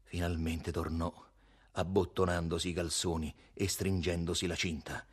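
A man reading a novel aloud in a steady, expressive storytelling voice. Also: sits low, moderate pace, slightly rough. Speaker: narrator.

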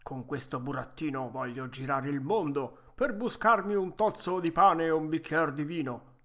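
A man voicing a hot-tempered old woodcarver in a storybook reading, loud and theatrical. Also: fairly high pitch. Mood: cheerful, pleading. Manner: loud, theatrical, quick to anger.

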